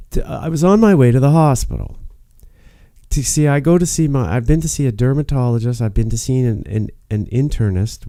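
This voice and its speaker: A man rambles on to camera, frustrated and cursing, stopping and restarting his sentences with plenty of fillers. His voice is very dark and mellow. The recording is close and dry. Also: mid-range voice, dry recording. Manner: frustrated, swearing, halting with many fillers and restarts. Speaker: vlogger.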